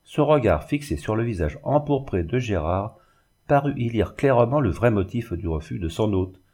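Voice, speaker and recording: Man, audiobook narration, measured literary reading, mellow dark voice. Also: lowish voice, animated, slightly rough. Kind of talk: scripted narration.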